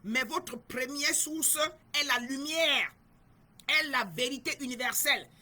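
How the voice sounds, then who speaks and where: A woman's voice: sits high, unhurried, bright, forceful tone. A middle-aged woman from Cameroon, a spiritual guide giving an emphatic, repetitive teaching talk and speaking straight to her listeners.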